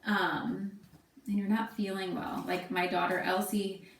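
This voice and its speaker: A woman's voice: on the low side, fairly even intonation, unhurried, gravelly, a little hiss or hum. Casual woman teacher, echoey distant sound. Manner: casual, chatty, thinks aloud with fillers. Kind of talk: remote class lesson. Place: home. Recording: echoey room, voice away from mic.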